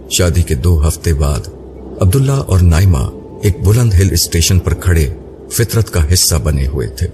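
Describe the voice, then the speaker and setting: Male narrator, very low voice, steady literary reading, hissy recording. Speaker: audiobook narrator. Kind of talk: scripted narration. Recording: noisy background hiss.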